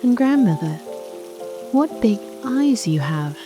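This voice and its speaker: A woman's voice: medium pitch, sing-song, slow, voice pushed up. A woman voicing a timid, innocent little girl with a polite, hesitant manner in a bedtime storybook. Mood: hesitant wonder. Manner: polite, hesitant, wide-eyed. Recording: soft music and rain behind.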